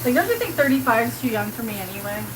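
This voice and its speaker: Her voice a little high and sing-song, a fast-talking woman in her forties from Colorado, with a South Kansas accent, chats casually with her live stream while she cooks in her home kitchen. She rambles, overuses "like," and reads out replies to chat as a pan sizzles noisily behind her.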